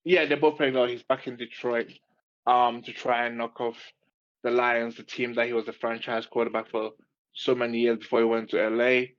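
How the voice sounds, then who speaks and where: A man's voice: medium pitch, little pitch movement, moderate pace. Easygoing man on a muffled line. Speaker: podcast co-host. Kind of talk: casual sports chat. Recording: slightly dull lo-fi sound.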